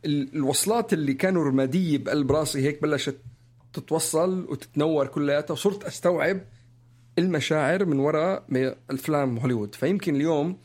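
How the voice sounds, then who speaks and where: A talkative young man, co-hosting a casual podcast and telling personal stories in an animated way. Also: fast. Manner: animated, chatty, jumps up in pitch when stressing points. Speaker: podcast co-host.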